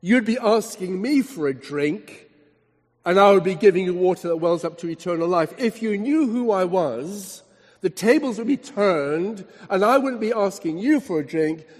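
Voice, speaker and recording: A man preacher voicing a calm, wise male teacher in a retold scene, speaking in measured, repeated phrases. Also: sits high, big-room sound. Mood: earnest.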